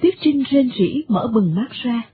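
A woman's voice: fairly high pitch, a little slow, slightly rough. Woman narrating a radio drama. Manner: expressive storytelling. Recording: tinny medium-wave radio broadcast.

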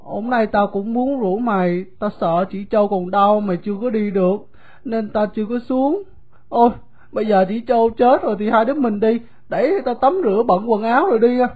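A woman with a Southern Vietnamese accent voicing a poor, gentle young boy who talks in a soft, plain, confiding way. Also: on the high side, fairly quick, natural voice.

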